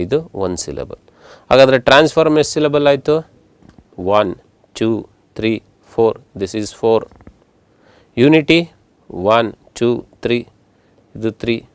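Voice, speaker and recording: A male English grammar teacher with a Kannada accent, patiently explaining syllables in a slow lesson, repeating words and counting them out loud. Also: lowish voice, no echo. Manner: mixes Kannada with English terms.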